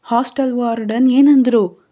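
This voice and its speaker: A woman voicing a steady, protective young male reporter in a storybook reading, reassuring and taking charge. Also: fairly high pitch, a little slow, lo-fi sound, pitched above the performer's own voice, close to an everyday voice. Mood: urgent.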